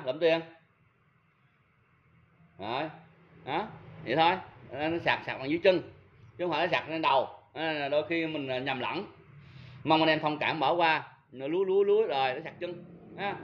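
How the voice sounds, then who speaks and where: A man's voice: a little high, normal speed, pauses often, muffled recording, a little hiss or hum. A man with a southern Vietnamese accent, a seller of used power tools, giving a casual product demo and talking straight to his viewers in a chatty, self-mocking way.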